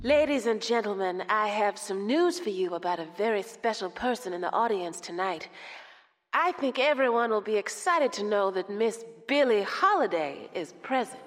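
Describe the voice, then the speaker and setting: A woman's voice: medium pitch, expressive, moderate pace, in a large hall, close to an everyday voice. A woman as a formal nightclub announcer. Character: nightclub announcer addressing an audience.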